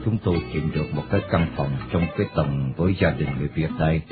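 A man's voice: very deep voice, fast, over music. A man voicing a friendly, jovial middle-aged American man in a radio play, over a tinny broadcast.

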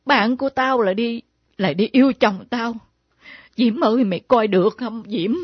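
An indignant, scolding mother's ghost in a radio drama. Her voice is husky and fairly high, and the old recording sounds dull and dry. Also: normal speed, dry recording. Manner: exclaiming, scolding, at times whispered asides.

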